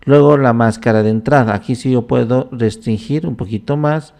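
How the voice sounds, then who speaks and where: A man walking through a computer program in a screen-recorded tutorial, talking his steps aloud in an unhurried way and often pausing on "entonces". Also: mid-range voice, gravelly, a little mellow. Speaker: software instructor.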